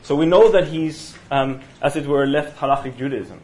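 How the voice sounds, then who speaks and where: In a university room, a Norwegian teacher guides a study session, his seminar lecture hesitant and full of fillers and false starts. He has a medium-pitched, slightly mellow voice. One room microphone picks him up.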